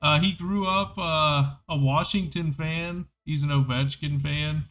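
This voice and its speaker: An excitable male podcast host with a slightly higher voice, chatting casually about hockey on a livestream. He talks slowly and rambles as he goes, with faint music playing under his voice.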